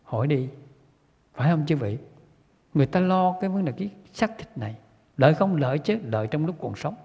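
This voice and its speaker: Male preacher, husky, earnest and repetitive, asks the crowd questions; muffled recording. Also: a little high, animated, fairly quick, a little mellow. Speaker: Buddhist lay teacher. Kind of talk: sermon. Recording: dull lo-fi recording with long hall reverb.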